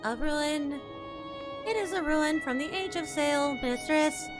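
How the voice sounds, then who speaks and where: A woman's voice: high voice, slow, over music, pitched above the performer's own voice. Woman doing a stiff robot servant voice. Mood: formal. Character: robotic servant companion, formal, calls her mistress.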